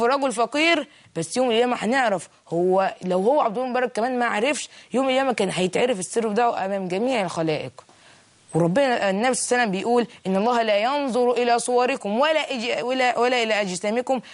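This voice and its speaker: A speaker with an Egyptian accent giving a religious storytelling talk, retelling a moral tale and explaining each phrase. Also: medium pitch. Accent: Egyptian Arabic.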